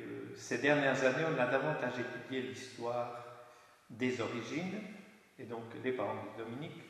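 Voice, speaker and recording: A man from Portugal, lecturing on religious history in a thoughtful way, pausing often to find his words. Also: mid-range voice. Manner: thoughtful, explanatory, frequent hesitations. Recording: very echoey hall with long reverb.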